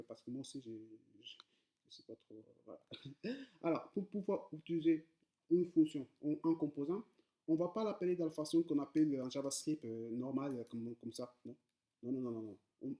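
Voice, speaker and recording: His voice is warm and mid-range as this non-native French speaker runs a relaxed coding tutorial. Talking straight to his audience in an informal way, he hesitates, leans on fillers and repeats himself frequently.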